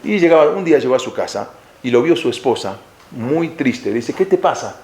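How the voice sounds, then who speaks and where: Animated storyteller man, echoey room. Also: fairly quick. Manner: animated storyteller, acts out dialogue with pitch jumps. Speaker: religious teacher. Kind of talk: storytelling Talmud lesson. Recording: echoey room with faint ambience.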